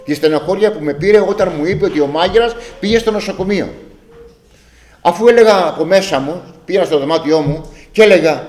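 An older man telling a personal story from his years working on a ship, acting out each exchange of dialogue with a repeated "I say". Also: high-pitched. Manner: animated, acts out dialogue with repeated "I say". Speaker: storyteller recalling life at sea.

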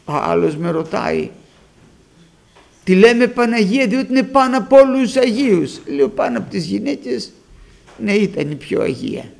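A man preaching a sermon, emphatic, rising to high loud peaks as he addresses the congregation. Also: big pitch swings, creaky.

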